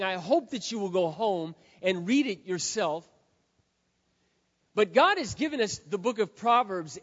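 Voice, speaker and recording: A pastor with a high male voice delivers a sermon in a large hall, where his sound comes across dull with a long reverb tail. Hoarse and claiming he has lost his voice, he shifts between quiet, earnest pleading and loud, passionate shouting.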